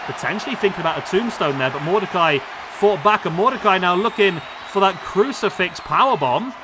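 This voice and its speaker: Hoarse and nearly out of voice, a male gaming YouTuber narrates a simulated wrestling match with excitable bursts of exclamation. He speaks fairly quickly in a high register, with crowd noise and clear background noise running under his voice.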